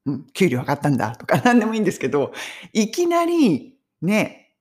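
A Japanese woman teaching English phrases in a chatty, animated way, mixing in personal stories. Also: on the low side, brisk, husky. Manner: chatty, animated storytelling with laughs. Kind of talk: casual English lesson.

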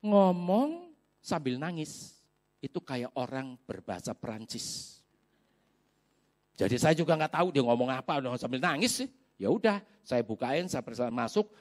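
A man preaching as a pastor, telling a story in a colloquial, animated way and pausing for the congregation's amens. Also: mid-range voice. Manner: animated storytelling with sound effects. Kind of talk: sermon.

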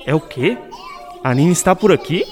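An actor playing an excitable, mischievous little elf in a scripted children's show. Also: male voice, fairly high pitch, moderate pace, soft background music, close to an everyday voice. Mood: startled, worried. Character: excitable mischievous little elf, worried about his mess.

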